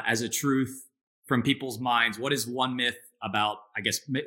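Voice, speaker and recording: A man's voice: medium pitch, pushed and bright. A man hosting a podcast interview, chatting casually and laughing easily. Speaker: podcast host.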